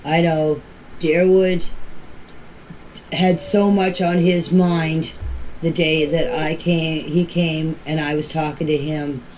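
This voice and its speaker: She is an older woman with a low, darkish voice that barely moves in pitch, and she takes things slowly. In noisy amateur phone voice messages to a group chat, she chats casually and plainly, rambling and often saying things again.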